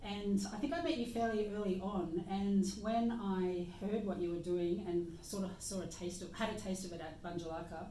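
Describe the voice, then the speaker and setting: A woman's voice: mid-range voice, steady tone, moderate pace, few pauses, dark tone, a little hiss or hum. An Australian woman speaking as a guest practitioner in a casual, reflective conversation about nature. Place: meeting room indoors. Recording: echoey room, mic at a distance.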